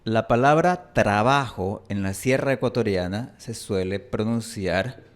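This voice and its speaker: A man with an Ecuadorian highland Spanish accent teaching a language lesson, deliberately spelling out and repeating sample words.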